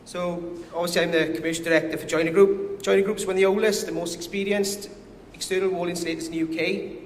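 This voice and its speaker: Speaking quickly and with a flat, high-pitched voice, a man with a strong Welsh accent gives a conference presentation as a company director. He comes across as a little nervous and self-deprecating, and the recording picks up the echo of the conference hall along with faint noise.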